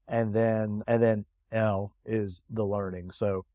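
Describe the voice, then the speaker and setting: A man's voice: fairly low pitch, little pitch movement, takes it slowly, mellow, no room sound. A middle-aged man co-hosting a casual podcast, talking with enthusiasm and acting out quoted dialogue. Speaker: co-host.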